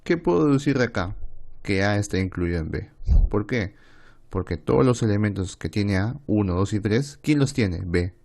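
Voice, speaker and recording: A man's voice: fairly low pitch, lively intonation, moderate pace, gravelly, a little mellow. A man with a Peruvian Spanish accent tutoring math online, explaining step by step and often checking with "¿está bien?". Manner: voices students' questions himself.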